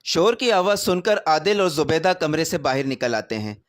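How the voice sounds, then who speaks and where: A man's voice: on the high side, very animated, no room sound. Man narrating a family drama. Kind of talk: scripted story narration.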